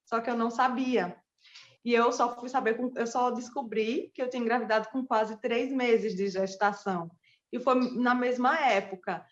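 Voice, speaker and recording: In dull audio, a woman with a rather high voice speaks at a moderate pace with fairly even intonation. She runs a small business and teaches pole dance, and in this personal testimony she earnestly recounts her story straight to her audience.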